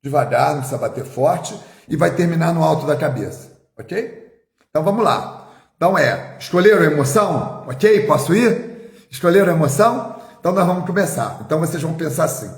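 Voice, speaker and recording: A male therapist leading a guided tapping exercise on a live stream, giving calm step-by-step instructions and slowly repeating affirmations. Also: fairly high pitch, reverberant.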